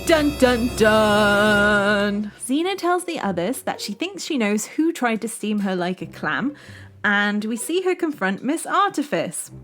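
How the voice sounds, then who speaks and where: A woman's voice: on the high side, sing-song, moderate pace, fairly bright tone, soft background music. A woman hosting a review show, narrating with wry, sarcastic humor. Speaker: host reviewing a TV series.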